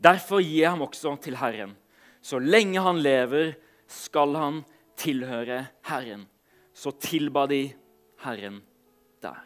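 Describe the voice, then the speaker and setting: A man preaching a sermon, reading scripture aloud and then talking casually with some hesitation, letting his phrase endings trail off softly. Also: on the high side, soft background music.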